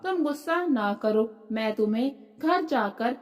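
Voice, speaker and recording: A woman voicing a kind, patient young village woman who speaks softly. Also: on the high side, expressive, measured pace, in a large hall. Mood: gentle.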